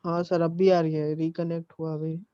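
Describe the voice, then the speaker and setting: Guy student on a dull lo-fi online call, short polite answers, voice sits a bit high. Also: little pitch movement, normal speed, warm tone, smooth. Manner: brief, polite replies to the teacher. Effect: heard over an online call line.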